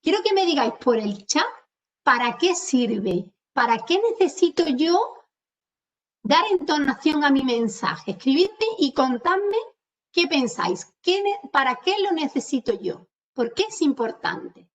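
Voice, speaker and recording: A woman's voice: high-pitched, big pitch swings. A woman with an Andalusian Spanish accent giving an online lecture on communication, explaining and addressing her audience directly. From Andalusia, Spain. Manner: explanatory, addresses audience directly, slows to stress key words. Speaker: webinar presenter on communication skills. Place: home. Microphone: computer mic on a video call. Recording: distant, dull webinar audio.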